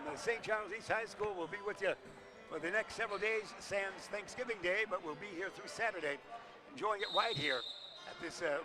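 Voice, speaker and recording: Older play-by-play announcer, high bright voice, excited calls, gym crowd around him. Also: male voice. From Illinois. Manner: rapid excited calls, chatty asides. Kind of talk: high school basketball play-by-play.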